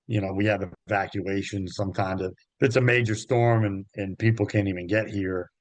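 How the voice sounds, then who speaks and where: A man who works as a golf travel agent, talking in a relaxed, halting way with many ums as an interview guest. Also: lowish voice, no echo. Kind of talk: interview conversation. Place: Myrtle Beach area.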